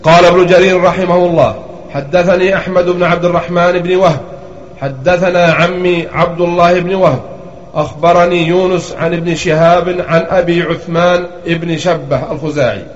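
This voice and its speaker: A man reading a classical text aloud to a lesson, in a measured voice with a slightly chanted lilt. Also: high voice, steady tone. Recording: lo-fi recording in an echoey room.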